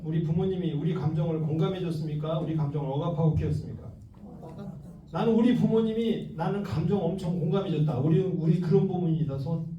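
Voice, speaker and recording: A man's voice: sits high, warm tone, a little hiss or hum. Lecturing man, far off in an echoey hall. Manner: keeps asking the audience questions. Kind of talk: public lecture to a live audience.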